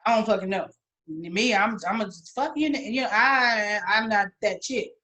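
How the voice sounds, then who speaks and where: A woman's voice: mid-range voice, moderate pace, sharp tone. A young adult woman co-hosting a podcast, talking bluntly and emphatically with frequent swearing in casual chat. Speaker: podcast co-host.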